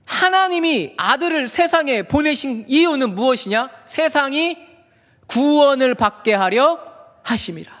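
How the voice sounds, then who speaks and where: High-voiced man preaching in a hall. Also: expressive, unhurried, fairly bright tone. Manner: asks the congregation questions and answers them himself. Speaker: senior pastor. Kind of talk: sermon. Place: large church sanctuary. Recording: long reverb of a church hall.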